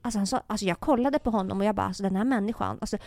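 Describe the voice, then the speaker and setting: A woman's voice: medium pitch, dry recording. Young woman telling a story animatedly. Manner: animated storytelling, quoting others in put-on voices. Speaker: podcast host. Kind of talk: casual chat.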